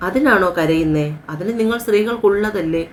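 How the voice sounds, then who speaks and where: A woman voicing a caring young husband who gently reassures his new wife in a story. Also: medium pitch, brisk, a little hiss or hum, lightly acted. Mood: gentle.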